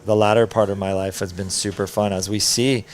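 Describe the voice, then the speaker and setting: Middle-aged man, low voice, surf contest announcer, conversational live commentary. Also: flat delivery, quick pace, darkish tone.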